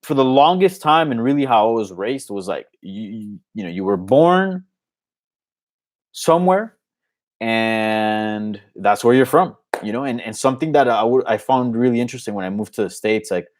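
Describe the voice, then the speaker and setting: Here the host of an MMA live Q&A, a Colombian native Spanish speaker, chats informally and off the cuff. He has a medium pitch and an animated delivery at an ordinary pace.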